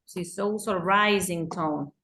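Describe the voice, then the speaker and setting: A woman's voice: on the low side, slow pace, bright, forceful tone. Argentine woman, phonology teacher on a video call, bilingual, keeps asking "ok?". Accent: Argentine Spanish. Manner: mixes Spanish and English, checks understanding often. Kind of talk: online class explanation.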